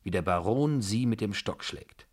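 A man's voice: on the low side, lively intonation, moderate pace. A man voicing a proud, scornful young woman who gives cold, mocking commands, read in an audiobook. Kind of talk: audiobook dialogue.

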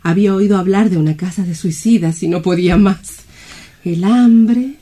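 In a dramatic radio-play style, a woman plays a frightened, desperate young woman worn down by loneliness. Her mid-range voice has a dark tone, close to everyday speech, at normal speed, and the mood is bitter and sorrowful.

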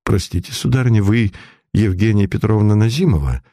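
A man's voice: fairly low pitch, a little fast, warm tone, no room sound, clean studio sound. A man playing an urgent, commanding doctor. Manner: polite but insistent.

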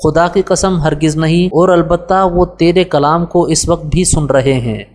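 A man narrating an audiobook of a religious biography in a measured, formal reading voice. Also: fairly high pitch, a little mellow. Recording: long reverb.

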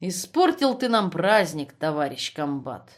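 A woman voicing a bold, outspoken mother who scolds and jokes loudly. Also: on the low side, big pitch swings, a little slow. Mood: scolding.

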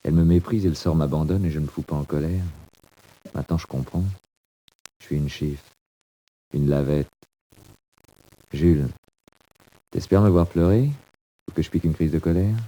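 An actor playing a proud, despairing condemned prisoner in a 1940s radio drama, speaking theatrically. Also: male voice, a bass voice, normal speed, long pauses, mellow. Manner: theatrical, swinging from bitter murmurs to cries.

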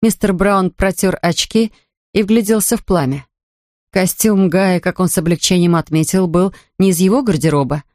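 A woman narrating a children's storybook with a lively, expressive reading. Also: on the low side, normal speed, dry recording, studio quality. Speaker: audiobook narrator.

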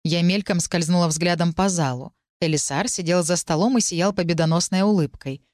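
A woman reading a first-person fantasy novel as an audiobook in a measured, even storytelling voice. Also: lowish voice, dry recording, studio quality. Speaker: audiobook narrator.

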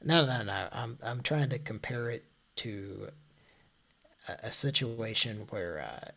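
Slow, stammering man in comic chat. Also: mid-range voice, expressive, creaky, a bit bright. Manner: halting, stammering, restarts a lot, laughs easily. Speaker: co-host. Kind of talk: casual comedic banter.

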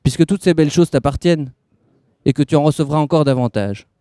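A man reading a novel aloud and voicing a cold, smooth-talking man in grey who speaks in a pushy, persuasive way. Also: a little high, brisk, dark tone, dry recording, clean studio sound, pitched above the performer's own voice, natural voice. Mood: coaxing. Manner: persuasive, pushy, icy under a sweet tone.

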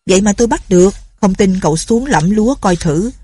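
A woman's voice: medium pitch, animated, fairly quick, dark tone. A woman voicing a blustering male village police sergeant who barks orders. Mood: gruff. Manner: gruff, barking orders.

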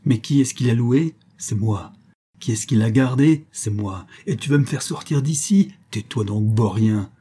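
A man's voice: on the low side, fairly even intonation, a little fast, dark tone, slightly rough. A man reading an audiobook, voicing a furious, betrayed woman who scolds her lover with indignant scorn. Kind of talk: audiobook character voice.

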